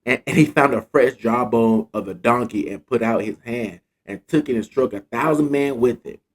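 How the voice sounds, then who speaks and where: A man casually retelling Bible stories and reading scripture, with slang asides and lively delivery. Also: medium pitch, moderate pace. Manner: animated retelling in slang, acting out quotes. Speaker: Bible teacher.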